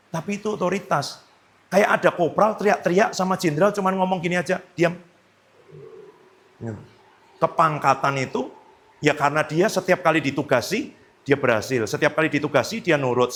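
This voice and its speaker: A male pastor preaching an animated sermon, telling stories and acting out his own commands in a low, firm voice. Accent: Indonesian.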